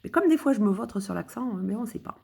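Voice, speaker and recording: A woman's voice: medium pitch, lively intonation, brisk, gravelly, mellow, slight background noise. A woman chatting casually with her viewers, rambling and joking at her own expense. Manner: rambling, self-mocking and joking. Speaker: streamer explaining her own texts.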